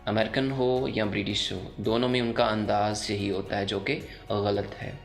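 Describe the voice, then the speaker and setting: A man with a Pakistani accent teaching English pronunciation in a voice-over, explaining slowly and repeating each example word several times. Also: on the low side, fairly even intonation, creaky, faint music behind. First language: Urdu. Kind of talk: pronunciation lesson.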